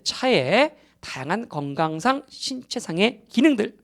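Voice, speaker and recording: A man's voice: high voice, very animated, unhurried. A man giving a recorded exam-prep English lecture. He explains step by step, keeps checking that students follow, and drops English terms into his Korean.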